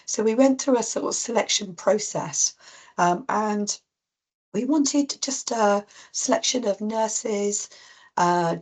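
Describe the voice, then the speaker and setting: A woman with a cold, husky and coughing, giving an informal online talk to practice teams with many ums and restarts. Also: medium pitch, takes it slowly. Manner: rambling with frequent ums and restarts. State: coughing, voice strained. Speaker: clinical lead presenting to practice teams. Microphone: video call.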